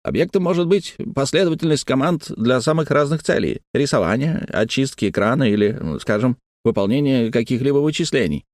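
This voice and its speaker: A man voicing an eager, high-voiced geneticist. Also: lively intonation, a little fast, few pauses, a little mellow, no echo, clean studio sound, lightly acted. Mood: explaining, excited.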